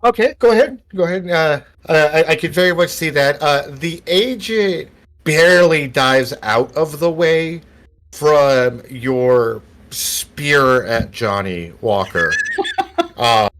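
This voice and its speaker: A man's voice: a little high, slow, slight background noise. Laughing male game master. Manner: relaxed, laughs often, stumbles and restarts while describing scenes. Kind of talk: narrating a tabletop game.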